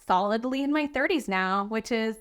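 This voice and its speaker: Smooth-voiced woman in her thirties chatting. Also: a little high, animated, moderate pace. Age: 30s. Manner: chatty, filler-heavy, laughs often. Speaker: podcast co-host. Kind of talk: casual podcast chat.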